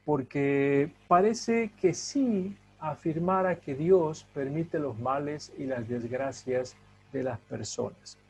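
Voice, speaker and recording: A man teaching a Bible lesson, emphatic, with rhetorical questions and drawn-out stressed words. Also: fairly high pitch, a little mellow, a little hiss or hum, poor audio. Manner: asks the class to help read.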